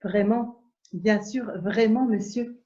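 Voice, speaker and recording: A woman playing a prim English lady in an absurdist stage scene, speaking in measured, repetitive exclamations of polite surprise over a video call. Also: mid-range voice, mellow, close to an everyday voice. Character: prim English lady, mildly astonished, formal. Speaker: amateur actor. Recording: dull echoey room audio.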